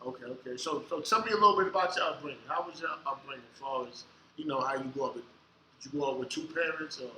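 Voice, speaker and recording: A man hosting a casual podcast interview, joking and bantering loudly in slang. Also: medium pitch, fast talker, echoey room, slight background noise, rough recording. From United States. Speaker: podcast host.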